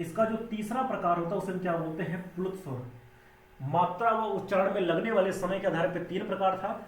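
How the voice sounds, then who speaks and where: A man gives an exam-prep grammar lesson in a high voice, over and over asking the class a question and then answering it himself. He sounds somewhat distant from the mic, and the room around him is roomy and echoing. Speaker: Hindi grammar teacher.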